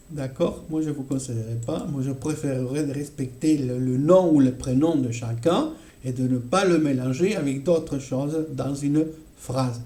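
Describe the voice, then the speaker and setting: A man teaching a French grammar lesson at an unhurried pace, in a mellow, dark voice. He keeps checking that his listeners follow and repeats each example phrase slowly. The room around him is echoey. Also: medium pitch. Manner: frequent check-ins with "d'accord?" and "voilà".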